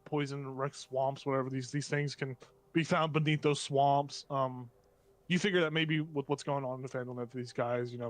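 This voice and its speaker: A man narrating a tabletop game as game master, improvising descriptions in a halting, casual way with slangy asides. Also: mid-range voice, no room sound.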